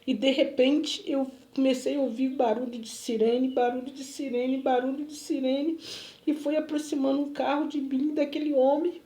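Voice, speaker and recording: A woman's voice: high-pitched, steady tone, moderate pace, mellow. A woman telling a personal testimony dramatically, speaking straight to her listeners and repeating phrases for effect. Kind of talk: emotional storytelling testimony. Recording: echoey room.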